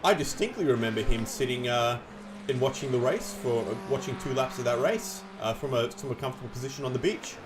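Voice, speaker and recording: A man's voice: mid-range voice, fast, noisy background. A man co-commentating a sim race with teasing, playful banter.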